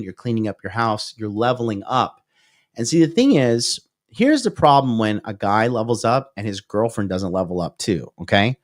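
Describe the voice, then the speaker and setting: Reading viewer comments aloud and answering them, a male dating coach in his thirties lectures from a whiteboard on a livestream, leaning on "okay?" and "right?". The medium-pitched voice comes through in studio quality with no echo.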